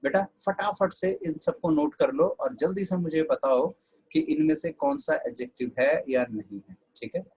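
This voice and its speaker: A man's voice: fairly high pitch, moderate pace, darkish tone, husky, low-quality recording. A man with an Indian accent teaching an online English class, chatty and scolding students fondly.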